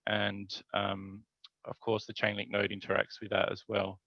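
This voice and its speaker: A man presenting his hackathon team's project over a video call, relaxed and dotted with filler words. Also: on the low side, moderate pace, vocal fry, no echo. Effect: voice heard over a video call. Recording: dull video call audio.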